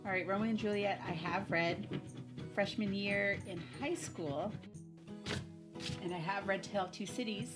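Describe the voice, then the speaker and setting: Hosting a virtual library show, a school librarian in her thirties talks casually to camera for students in a mid-range voice. She speaks at normal speed with long pauses, and there's music underneath.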